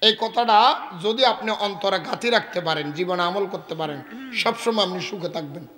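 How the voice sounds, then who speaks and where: Chittagonian-accented preacher guy, high voice, acts out his story, keeps asking the crowd questions. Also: moderate pace, sharp tone, big-room sound. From Bangladesh. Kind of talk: sermon with storytelling. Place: outdoor religious gathering.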